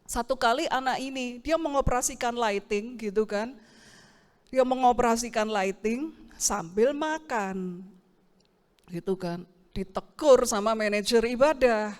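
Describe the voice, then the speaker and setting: A middle-aged woman pastor with a voice high for a woman preaches at a measured pace, telling an animated story and acting out the people in it. Captured on a handheld mic, her words trail off into a long church-hall reverb.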